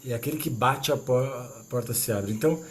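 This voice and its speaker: A man leading a church meeting, explaining a Bible passage in a relaxed, conversational way. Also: mid-range voice, brisk. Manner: relaxed and conversational, full of tag questions. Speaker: leader of a church small-group meeting. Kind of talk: informal Bible teaching.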